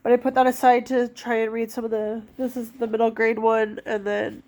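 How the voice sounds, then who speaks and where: Brisk and darkish in tone, her voice sits on the high side with little pitch movement. She's a book vlogger in her thirties with a stuffy cold, casually rambling about books with lots of fillers.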